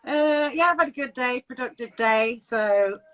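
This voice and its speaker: A woman's voice: fairly high pitch, normal speed, a bit bright, poor audio. A woman from Manchester, a guest vocalist in a casual live-stream chat, giggly and easygoing, heard over a video call. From Manchester, England.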